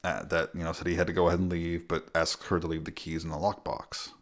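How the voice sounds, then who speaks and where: A man's voice: sits low, flat delivery, fast talker. A man co-hosting a podcast, casually recapping a film, laughing often and swearing now and then. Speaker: podcast co-host.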